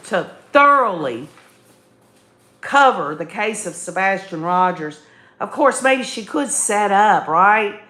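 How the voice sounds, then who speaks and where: This woman's voice sits high with a fairly bright tone, and the recording has an echoey room sound. As a livestream host giving opinionated commentary, she addresses listeners in a direct, folksy manner, stressing points and repeating phrases.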